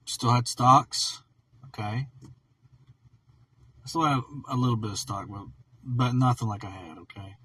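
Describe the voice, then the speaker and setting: A man rambling through a personal story in a casual vlog monologue, repeating himself and swinging between low mutters and loud outbursts. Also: slightly rough, far from the mic, rough recording. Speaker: vlogger.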